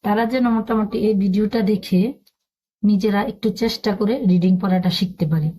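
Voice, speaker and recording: A woman's voice: medium pitch, fairly even intonation, fairly quick, warm tone. Patient woman teaching English spelling. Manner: patient, spells words letter by letter. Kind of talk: spoken lesson.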